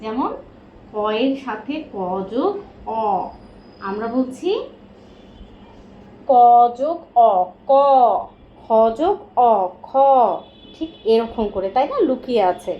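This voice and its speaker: A woman's voice: sits high, lively intonation, slow, long pauses, warm tone. A woman teaching a children's recitation and pronunciation class, patient and coaxing, often stopping to check that the children follow. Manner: patient, coaxing, asks many check questions. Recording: roomy, dull, faint hiss.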